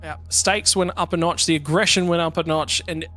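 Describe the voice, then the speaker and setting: A man, the lead commentator of a sim racing broadcast, briskly running through results. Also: on the high side, steady tone, sharp tone, faint music behind.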